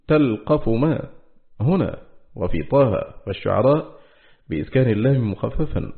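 A man with a low, gravelly voice reads a classical text in a steady, formal manner. The sound is thin and phone-like, as if captured on a tinny lo-fi line. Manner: steady, formal recitation of terms. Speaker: audiobook reader. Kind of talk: measured reading of a classical text on Quran readings.

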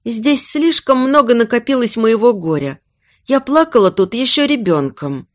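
A woman's voice: fairly high pitch, animated, moderate pace, close to an everyday voice. A woman voicing a frightened young woman who whispers in a trembling voice.

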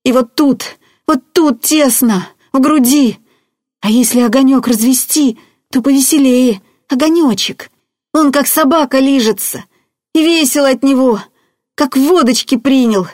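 Unhinged young village man, childish, whining and babbling, pitched up high and loud, played by a woman reading the story. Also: unhurried, dry recording, clean studio sound. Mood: dreamy, manic.

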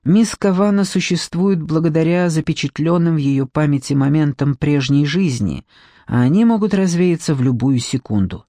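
A man's voice: on the high side, moderate pace, warm tone, no room sound, natural voice. A man reading as a grumbling eccentric detective. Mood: lecturing. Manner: grumbling, lecturing, dryly sarcastic. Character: eccentric brusque male paranormal detective. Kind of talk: audiobook character reading.

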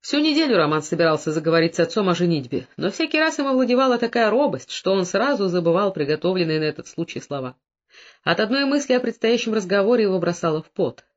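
A narrator reads a novel aloud in a steady, even storytelling manner. The recording is dull and lo-fi, with a medium-pitched voice. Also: fast talker. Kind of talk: scripted audiobook narration.

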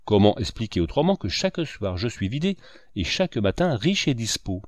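A man's voice: lowish voice, big pitch swings, normal speed, no echo, clean studio sound. A man voicing a self-satisfied male painter who talks in enthusiastic lists. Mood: expansive. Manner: enthusiastic, listing.

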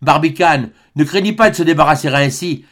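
A man narrating a classic adventure novel in a measured, expressive storytelling manner. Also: a little high. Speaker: audiobook narrator. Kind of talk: scripted narration.

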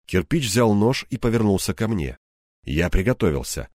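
A man's voice: fairly low pitch, sing-song, normal speed, darkish tone, no room sound, clean studio sound. A man reading a first-person crime novel aloud with tense, dramatic delivery. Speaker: audiobook narrator. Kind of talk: first-person audiobook narration.

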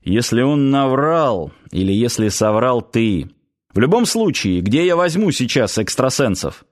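A man voicing a gruff volatile garrison chief. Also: medium pitch, big pitch swings, measured pace. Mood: worried. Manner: gruff, blustering, swings from despair to yelling. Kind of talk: audiobook character voice.

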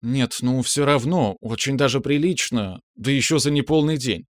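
In an audiobook reading, a man with a mid-range voice plays a cheerful middle-aged mother fussing over her son, pitching above his own voice and acting lightly, with an approving mood. He speaks at normal speed, and the sound is clean studio audio with no echo.

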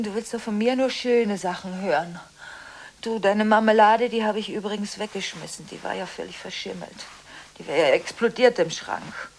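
An actress playing a scattered, jittery woman in a radio drama, stammering through phone calls and swinging between whispers and sudden loud bursts. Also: mid-range voice, slight background noise, close to an everyday voice.

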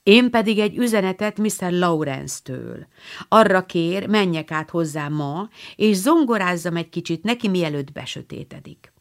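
Brief: a woman playing a shy, gentle girl in a storybook, soft and timid. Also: lowish voice, animated.

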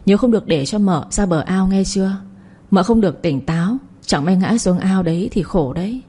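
A woman's voice: medium pitch, expressive, moderate pace, dark tone, breathy edge. A woman voicing an earnest, worried young husband who gives orders to the household.

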